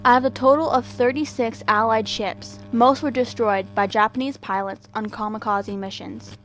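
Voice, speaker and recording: Woman acting as grave wartime radio anchor, 1940s bulletin, formal, higher pitch, faintly noisy humming recording. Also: fairly even intonation, normal speed, fairly bright tone, close to an everyday voice. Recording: noticeable background noise and hum.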